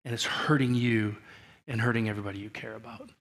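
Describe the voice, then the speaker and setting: A male pastor preaching a sermon in a church, speaking to the congregation in earnest and often restarting his sentences, his voice falling soft at the ends of phrases. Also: on the low side, fairly even intonation, quick pace. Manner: earnest, repetitive direct address with frequent restarts.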